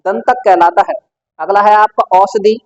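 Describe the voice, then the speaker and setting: A man's voice: high voice, fairly even intonation, normal speed. A man teaching a Hindi vocabulary lesson for exam prep, keeps quizzing the listener with repeated questions and answering them himself. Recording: dull lo-fi sound.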